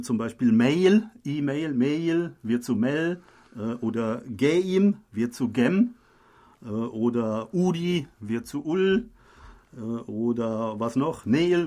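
A man co-hosting a radio program, explaining in conversation and often pausing on filler sounds. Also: medium pitch, a little mellow. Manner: hesitant, many filler sounds.

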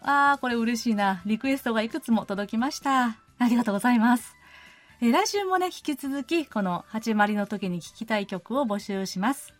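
A woman's voice: on the high side, brisk. A woman hosting a radio show, chatting in a friendly, easygoing way and reading listener letters in a studio. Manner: friendly, chatty, uses many fillers. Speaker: radio host.

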